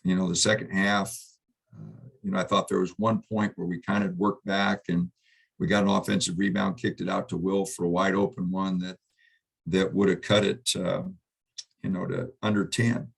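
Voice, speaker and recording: A middle-aged man, a basketball head coach, answering questions at a postgame press conference in a subdued, halting way with many fillers. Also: low voice, level tone, vocal fry, husky.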